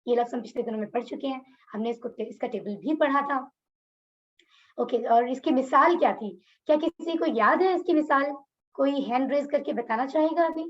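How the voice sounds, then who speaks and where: A woman's voice: sits high, normal speed, lo-fi sound. A woman teaching an online religious class in Urdu-accented speech. She explains words one by one, repeats their meanings and puts questions to her students. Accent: Pakistani Urdu. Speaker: Quran course teacher. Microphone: video call.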